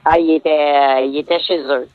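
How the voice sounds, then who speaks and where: A man's voice: on the high side, steady tone, moderate pace, dry recording. A man calling in anonymously with his voice electronically modified to hide who he is. He speaks with a Québécois accent and talks hesitantly, drawing his words out. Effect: electronically modified voice to disguise him. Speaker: anonymous caller. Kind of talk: confession on a radio call-in. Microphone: phone line. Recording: muffled phone-in through a voice changer.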